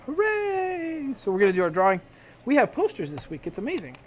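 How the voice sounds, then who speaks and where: A man's voice: high voice, very animated, racing, a little hiss or hum. A man hosting casual weekly comic reviews, chatty and hesitant, restarting sentences and calling out emphatic verdicts. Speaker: comic shop review show host.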